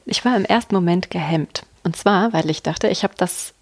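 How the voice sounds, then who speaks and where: A woman's voice: on the low side, normal speed, dry recording. Curious woman hosting a podcast. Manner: curious, encouraging questions. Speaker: podcast host. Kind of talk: casual interview.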